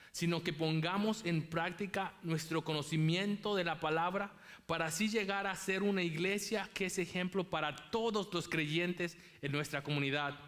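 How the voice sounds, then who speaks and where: A man's voice: a little high, fairly bright tone. A man preaching a sermon as pastor, emphatic and repeating key phrases for weight.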